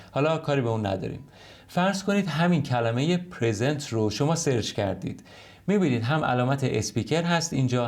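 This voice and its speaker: Recorded at home, a man gives an online English lesson in Persian, explaining things clearly and reading the English example sentences slowly and with care. His voice is mid-range with a darkish tone.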